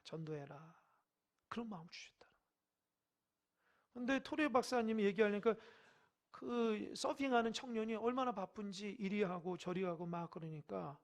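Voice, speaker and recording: A pastor preaching a midweek sermon in a church, emphatic and questioning the congregation directly, swinging from loud exhortation to hushed asides. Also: medium pitch. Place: church sanctuary.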